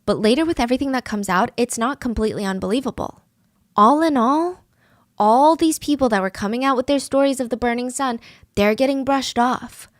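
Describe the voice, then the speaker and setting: A woman narrates a true crime case in a relaxed, chatty way, with a voice that sits somewhat high. She shifts into little character voices whenever she quotes someone. The sound is close and dry. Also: a little fast, dry recording. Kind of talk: casual true crime storytelling.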